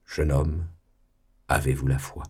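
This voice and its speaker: A man's voice: lowish voice, very animated, unhurried, breathy edge, exaggerated voice. A man voicing a pompous, sneering old priest superior in a mocking, sanctimonious tone. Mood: solemn.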